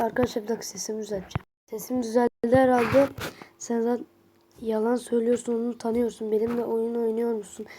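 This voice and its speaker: A woman's voice: fairly high pitch, noisy background. A young woman with a stuffy nose reads a horror chat aloud to her viewers, swearing bluntly and casually as she goes. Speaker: vlogger.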